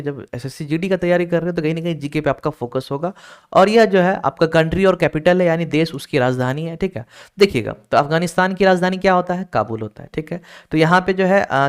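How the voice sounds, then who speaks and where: A man with a fairly high, smooth and clear voice teaches a recorded reasoning class for exam aspirants. He works through each step and keeps checking that students are following. He urges them to solve the problems quickly. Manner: explains step by step, keeps checking with "ठीक है?" and urging students to hurry. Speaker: online exam-prep teacher.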